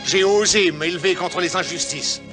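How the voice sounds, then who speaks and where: Man playing a high-voiced, desperate prisoner. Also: normal speed, music in the background, lightly acted. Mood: pleading. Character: desperate male prisoner protesting his innocence. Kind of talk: French-dubbed television adventure acting.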